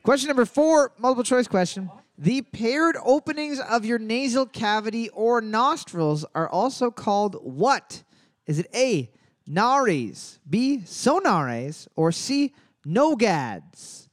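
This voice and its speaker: An extremely high-pitched man runs a live trivia night in clean studio sound with no room noise. Animated, he reads questions and spells out answer choices slowly letter by letter, joking between rounds.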